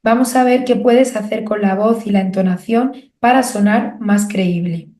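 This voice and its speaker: Woman from reading a how-to audiobook, calm measured teacher tone, bit of room echo. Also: mid-range voice. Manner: clear, measured, didactic delivery with rhetorical questions. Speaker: audiobook narrator and author. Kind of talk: instructional audiobook narration.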